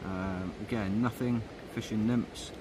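A man in his thirties with a lowish voice, chatting in a relaxed, rambling way with plenty of ums. He films himself at arm's length beside a river, with a faint hum of outdoor sound behind him. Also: unhurried. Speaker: fishing vlogger. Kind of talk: casual outdoor vlog narration. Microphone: phone or action camera held at arm's length.

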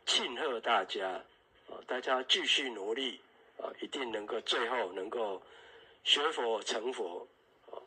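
Husky, bright-voiced man teaching Dharma. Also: mid-range voice, a little slow, poor audio. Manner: explanatory, dotted with "ah" particles and "right?" checks. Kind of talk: Dharma class lecture.

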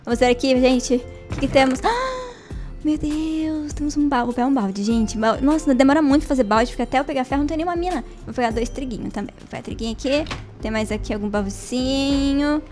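A young Brazilian woman chatting playfully through a Minecraft let's play, talking to viewers and game characters with sudden high squeals. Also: brisk, darkish tone, soft background music. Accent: Brazilian Portuguese. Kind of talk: casual gameplay commentary.

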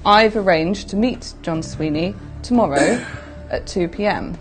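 A woman's voice: fairly low pitch, lively intonation, measured pace, faint music behind. A woman, giving a candid, casual account. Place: domestic kitchen, indoors.

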